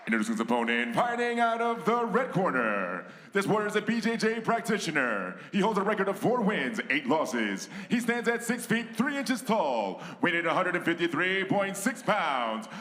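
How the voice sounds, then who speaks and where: A high-voiced man works as a boxing-style ring announcer in a big, echoing hall. His formal introductions swoop up and down, with showman flourishes and drawn-out names. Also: very animated, a bit bright. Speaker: cage-side ring announcer. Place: large indoor arena over PA. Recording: echoey hall, long reverb.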